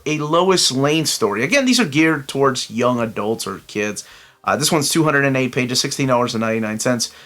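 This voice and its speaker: Slightly bright and mid-pitched, this middle-aged Peruvian man hosts a comic book collector channel. His casual solo review vlog is chatty and eager, full of rambling asides and filler words.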